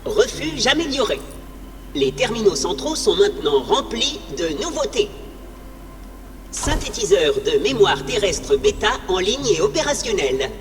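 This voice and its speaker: A woman's voice: mid-range voice, sing-song, a little slow, noisy background. A woman voicing a cheerful, servile robot concierge in a video game, courteous and theatrical like an announcer selling services. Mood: cheerful, promotional. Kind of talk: scripted game character dialogue. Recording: game music behind, some long reverb.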